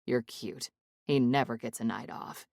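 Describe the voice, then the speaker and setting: A man's voice: medium pitch, measured pace, vocal fry, a little mellow, no room sound, studio quality, pitched below the performer's own voice. A woman voicing a cocky, teasing young man who jokes with confident, playful banter in an audiobook.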